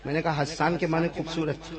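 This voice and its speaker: A man's voice: on the high side, level tone. A man preacher giving a sermon to a large gathering, emphatic and firing repeated questions at the crowd.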